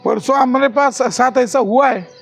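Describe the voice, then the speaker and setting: A man's voice: extremely high pitch, normal speed, vocal fry, faint music behind. A man training security guards in class, quizzing the trainees with questions and showing rude and polite ways to talk.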